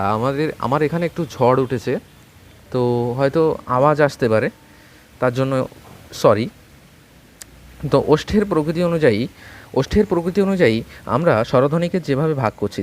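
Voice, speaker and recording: A man's voice: mid-range voice, darkish tone. Patient male Bengali teacher drilling vowels. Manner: slow, patient, repeating sounds for learners to copy. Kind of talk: online phonetics lesson. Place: home during a storm.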